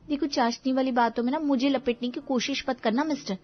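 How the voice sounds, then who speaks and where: A woman's voice: sits high, fairly even intonation, a little fast, muffled recording. A woman voicing a bossy, dramatic young wife in a cartoon, sassy and demanding. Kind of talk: cartoon voice acting.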